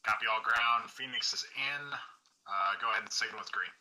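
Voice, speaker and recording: A man's voice: lowish voice, moderate pace, bright, forceful tone, low-quality recording. A man playing a helicopter pilot over the radio, answering ground calls in clipped, formal military procedure. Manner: clipped, formal call-and-response.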